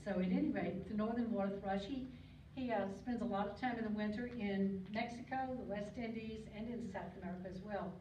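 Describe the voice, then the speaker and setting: Speaking about local birds as a guest, an older woman delivers an informal, digressive slide talk at a lecture hall podium, clearing her throat and saying um often. Her dark-toned, mid-range voice moves fairly quickly with hardly any pauses. A distant camera recorded her podium mic, leaving the audio echoey, muffled, and noisy.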